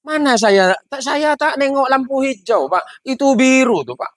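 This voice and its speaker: A man's voice: extremely high pitch, lively intonation, unhurried, fairly bright tone, no room sound, clean studio sound, voice pushed up, full character voice. A man acting out a naive, stubborn male pickup driver with a Madurese accent. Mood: innocent. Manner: innocent, stubborn.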